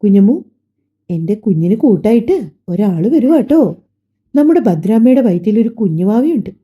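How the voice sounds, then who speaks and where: A woman voicing a gentle, protective husband in an audiobook drama, speaking softly and affectionately. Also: medium pitch, big pitch swings, moderate pace, husky. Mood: overjoyed. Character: loving middle-aged husband, gentle and protective. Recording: dull lo-fi recording.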